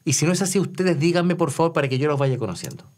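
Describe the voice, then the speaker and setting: A man's voice: fast, darkish tone. A man, a vocal coach giving casual commentary and singing syllables to demonstrate. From Chile. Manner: breaks into sung syllables and falsetto demonstrations. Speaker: vocal coach reacting to singers.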